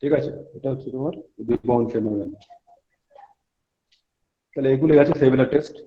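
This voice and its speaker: A man teaches students at a hospital bedside, rattling through explanations at a brisk clip. He stops often to check that they follow and to coach the patient. The recording sounds muffled and lo-fi. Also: mid-range voice. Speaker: medical lecturer. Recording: dull lo-fi recording.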